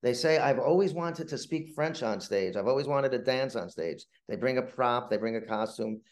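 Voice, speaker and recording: A middle-aged playwright, interviewed, tells stories in a halting, rambling, conversational way and often repeats words. His voice sits at medium pitch with lively intonation.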